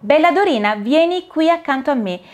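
A woman voicing a kind, gentle young princess heroine with a sweet, soothing way of speaking. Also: high voice, lively intonation, fairly quick, pitched above the performer's own voice.

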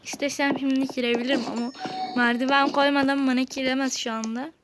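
High-pitched woman gamer, noisy recording. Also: quick pace. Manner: lively, talks straight to viewers, yells at rival players. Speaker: gaming channel host. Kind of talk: excited let's-play commentary.

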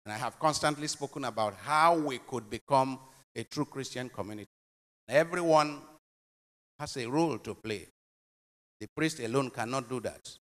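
Slow and solemn, a man in priestly role reads scripture and poses questions for the homily in a mid-range voice. His lines grow and recede under a long echo reminiscent of a cathedral.

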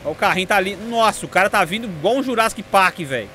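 A young Brazilian man with a Brazilian Portuguese accent, chatting excitedly and slangily while playing a racing game. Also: sits high, quick pace. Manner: excitable, chatty, slangy, calls himself to calm down. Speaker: gaming YouTuber. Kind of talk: excited gameplay commentary. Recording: game audio noise behind.

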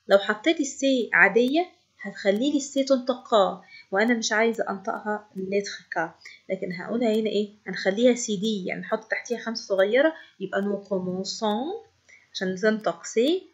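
Woman, Egyptian accent, French teacher, breathy voice, dull lo-fi recording. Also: medium pitch. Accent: Egyptian Arabic. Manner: explains step by step, asks and answers her own questions. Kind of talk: classroom lesson explanation.

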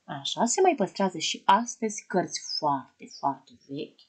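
A woman primary school teacher giving an online lesson to young children, asking them questions in a gentle, sing-song way. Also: fairly low pitch, big pitch swings, husky.

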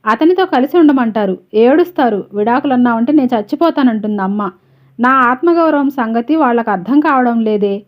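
A woman's voice: a little high, expressive, moderate pace, close to an everyday voice. A woman reading the lines of a proud, wronged young wife who speaks bitterly about her family. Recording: slightly dull, lo-fi audio.

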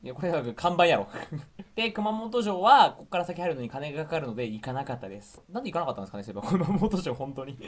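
A man hosting a casual stream, telling viewers about a trip in an animated storytelling way. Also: a little high, quick pace. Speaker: streamer host. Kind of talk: casual stream chat looking back on a trip.

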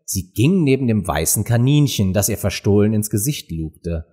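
Lively male audiobook narrator. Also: on the low side, moderate pace, husky. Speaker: audiobook reader. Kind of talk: storybook narration.

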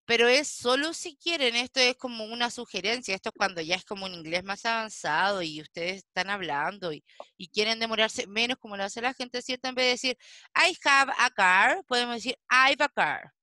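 A woman teaching an English class, explaining slowly and patiently and checking often whether students follow. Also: fairly high pitch, sharp tone, no room sound. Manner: slow, patient explaining with frequent checking questions. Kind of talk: online class lesson.

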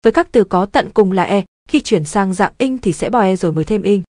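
Woman teacher, mellow tone, dry close sound, measured scripted delivery. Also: mid-range voice, no room sound. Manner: even, measured explaining. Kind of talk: scripted grammar lesson narration.

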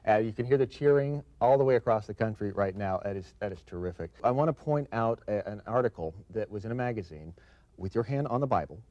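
A man's voice: fairly low pitch, expressive, fast, dark tone, no room sound, lo-fi sound. A middle-aged man hosting a television interview, presenting in a conversational way from a studio. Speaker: TV show host. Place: TV studio set, indoors.

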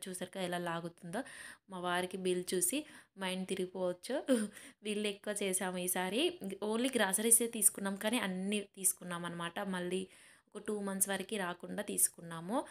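A young woman and mother narrating a family shopping vlog in a chatty voice-over, often addressing viewers as friends. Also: medium pitch. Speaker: vlogger and mother.

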